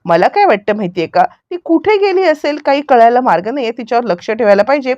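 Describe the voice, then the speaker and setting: A woman's voice: fairly high pitch, very animated, fast, darkish tone, no room sound, lo-fi sound. A woman reading the lines of a suspicious young wife thinking aloud.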